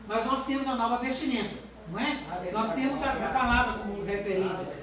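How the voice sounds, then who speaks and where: A woman's voice: fairly high pitch, brisk, very echoey, a loud crowd. A woman pastor giving an earnest sermon and asking her congregation questions, recorded from a distance in a church. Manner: earnest preaching with rhetorical questions.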